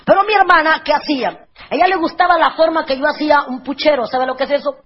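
A woman's voice: high-pitched, fast talker, slight background noise. A woman preacher giving an emotional testimony sermon, telling her story with passionate outbursts. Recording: dull lo-fi recording.

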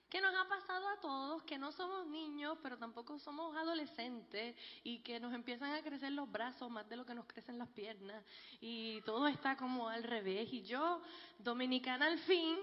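Woman, fairly high voice, gives a playful church testimony; long reverb, slightly dull sound. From Puerto Rico. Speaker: guest speaker giving a testimony. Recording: dull, echoey large hall.

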